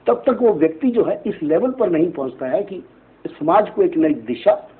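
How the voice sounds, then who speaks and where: The audio is tinny, like a phone line, with faint hiss, capturing a man whose voice sits high with lively intonation at normal speed. He's an astrologer guest in a TV studio, answering interview questions with lengthy, preachy explanations and regular "right?" checks for agreement.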